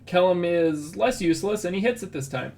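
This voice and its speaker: A man's voice: sits high, lively intonation, brisk, gravelly, a little mellow. A man running a tabletop game as dungeon master, narrating monster turns in a laid-back, dry way.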